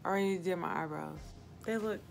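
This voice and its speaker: A woman's voice: on the low side, brisk, gravelly, noisy background. A woman in her twenties chatting casually to camera as a makeup vlogger, with a tipsy, giggly, rambling drunk manner. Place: small indoor home set, close to camera.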